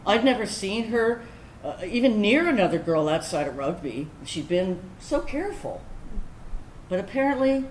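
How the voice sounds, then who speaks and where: An actress, mid-range in voice and lightly acting, performs as a candid woman veteran in a first-person staged-reading monologue. Her mood is hurt and subdued within an animated performance, and she narrates confessionally and wryly, pausing with intent. The recording is roomy and echoey, with noise in the background.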